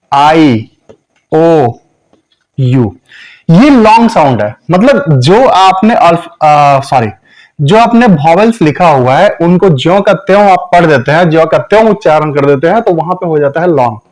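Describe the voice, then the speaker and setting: A man who speaks teaches English pronunciation in a video lesson, with a voice sitting a little above the usual male range. He talks slowly and deliberately, going over each point more than once and drawing out every sample sound. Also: a little high, expressive, darkish tone, rough recording.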